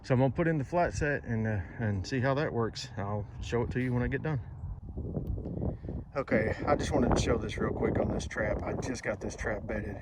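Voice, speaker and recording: Male outdoors vlogger, mid-pitch, plainspoken how-to talk, audible outdoor noise. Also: moderate pace. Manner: plainspoken, repeats advice for emphasis. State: out of breath. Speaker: trapping vlogger. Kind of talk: casual outdoor how-to vlog. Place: outdoors on a farm field.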